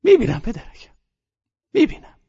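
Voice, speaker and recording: A man voicing an imperious, frantic old grandmother gambler who shouts commands. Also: highs cut off, close to an everyday voice. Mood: bossy.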